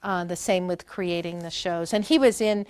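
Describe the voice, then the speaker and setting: At a library talk, a woman in her fifties from Maine, there as a performer and guest, shares family stories in a loose, chatty interview, stopping and restarting with lots of fillers. She has a lowish, smooth, darkish voice at normal speed, and there's no echo.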